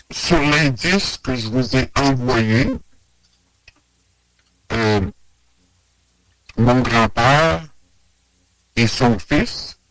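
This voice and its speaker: A man whose voice is disguised by a voice changer with added distortion, telling a personal story hesitantly, with many pauses. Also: medium pitch, fairly bright tone, no room sound.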